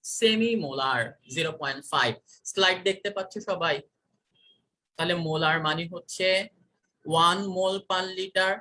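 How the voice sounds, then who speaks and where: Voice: mid-range voice, pushed and bright. A chemistry teacher gives an online class. The teacher repeats each question and quizzes the students.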